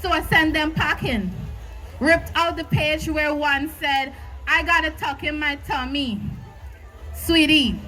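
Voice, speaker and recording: A woman's voice: high voice, sharp tone, poor audio. A woman in her twenties performing spoken word poetry on stage at a live venue, with a rhythmic, emphatic delivery. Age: 20s.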